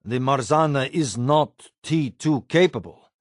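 A man's voice: mid-range voice, measured pace, no room sound, clean studio sound, close to an everyday voice. A man reading an audiobook, voicing a human fleet admiral in a clipped, commanding way. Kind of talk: audiobook character voice.

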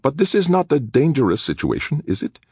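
A man's voice: medium pitch, huge pitch swings, a little fast, darkish tone, breathy edge, no room sound, clean studio sound, pitched above the performer's own voice, full character voice. A man voicing a fussy, evasive bureaucrat who stays overly polite and formal. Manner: prim, hesitant, polite formality.

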